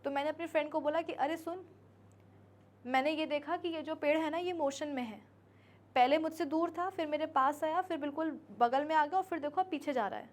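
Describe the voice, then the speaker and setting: Woman, high voice, physics teacher, chatty, acts out student replies, checks understanding. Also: brisk. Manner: addresses students as beta, checks understanding often. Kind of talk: classroom lecture in Hindi with English terms.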